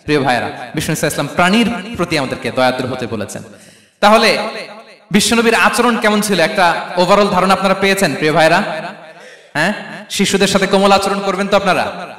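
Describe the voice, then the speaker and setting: A man's voice: sits high, fairly quick, pauses often, fairly bright tone. A man preaching a sermon with passion, calling out questions to his listeners. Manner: impassioned, calls out questions to the crowd. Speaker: Islamic preacher. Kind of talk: Bengali waz sermon. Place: large stage event hall. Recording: echoey hall with long reverb.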